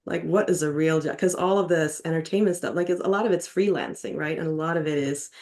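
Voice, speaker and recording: A woman from Sweden, a native Swedish speaker, chatting casually as a podcast guest and telling her story in a relaxed way. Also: sits low, fast talker. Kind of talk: casual interview chat.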